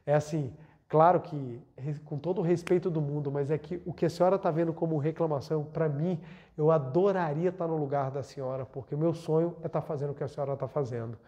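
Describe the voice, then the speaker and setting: A man's voice: a little high, steady tone, brisk, warm tone, highs cut off. A man with a Brazilian Portuguese accent giving an earnest spiritual lecture, repeating words for emphasis and leading a meditation. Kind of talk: spiritual talk and guided meditation.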